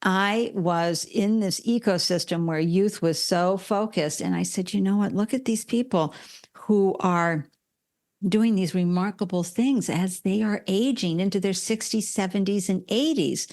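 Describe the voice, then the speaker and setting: A woman's voice: medium pitch, measured pace, a little mellow. A woman in her sixties, a podcast guest telling stories animatedly and acting out quoted voices. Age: 60s. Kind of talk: conversational interview.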